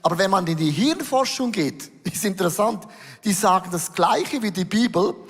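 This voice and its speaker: A man preaching as pastor, lively and conversational, putting questions to the congregation and reading scripture. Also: high-pitched, normal speed, husky. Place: church stage before a congregation. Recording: echoey hall reverb.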